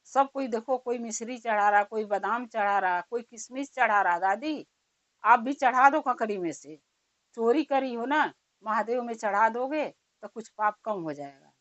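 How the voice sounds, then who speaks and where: A woman's voice: on the high side, normal speed, fairly bright tone, dry recording, lo-fi sound, natural voice. A woman voicing an honest young grandson who keeps pleading with his grandmother in a story. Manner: pleading, insistent.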